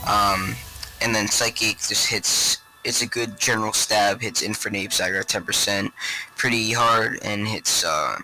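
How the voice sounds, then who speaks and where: A man's voice: lowish voice, steady tone, measured pace, pushed and bright, soft background music, poor audio. Congested man explaining his game team. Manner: rambling, filler-heavy explanation. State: congested from a cold. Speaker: competitive Pokemon player explaining his team. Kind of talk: casual gaming commentary.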